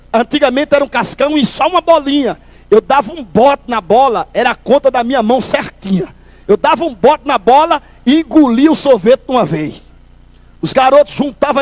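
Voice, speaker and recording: A man with a strikingly high voice gives a preached testimony before a congregation. He tells his story in a lively way and keeps calling the listeners "brother". The sound is close and dry, with no room echo. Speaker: church testimony speaker.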